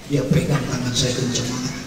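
A man's voice: medium pitch, level tone, fairly quick, noisy background. A man preacher, telling a story in a sermon with rhetorical questions, in a mosque hall. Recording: heavy hall echo, distant mic.

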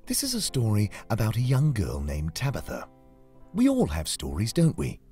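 A man's voice: lowish voice, wildly swooping pitch, moderate pace, dark tone, faint music behind. A man narrating a comic storybook game in a wry, sardonic, theatrical way.

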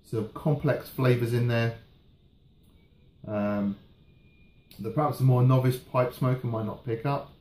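A British man in his thirties chatting casually and haltingly in a relaxed, rambling review, often trailing off. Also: mid-range voice. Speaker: pipe tobacco reviewer. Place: indoors, small room at home. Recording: roomy echo, faint background noise.

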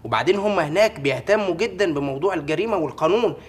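A man's voice: fairly high pitch, expressive, rapid-fire, close to an everyday voice. An actor playing an earnest, naive young Egyptian lawyer talking with his mother in a playful, rambling way. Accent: Egyptian Arabic. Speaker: lawyer, son.

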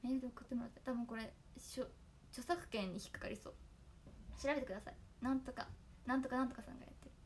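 A young woman talks casually and playfully to her fans, breaking into giggles and reciting tongue twisters. Her voice sits a little high. A faint background hum runs underneath. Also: fairly even intonation, fast, darkish tone. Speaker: idol trainee talking to fans. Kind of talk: casual solo stream chat.

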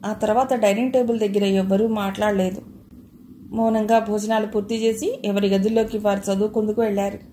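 Brief: female audiobook narrator, calm and even, warm mellow voice. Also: medium pitch, fairly quick, slight background noise. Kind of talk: scripted audio novel narration.

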